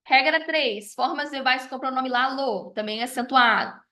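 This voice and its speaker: A woman's voice: sits high, unhurried, bright, forceful tone. A woman, reviewing grammar as a teacher and listing examples one after another with frequent tag questions. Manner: explanatory, lists examples, frequent "né?" and "tá?".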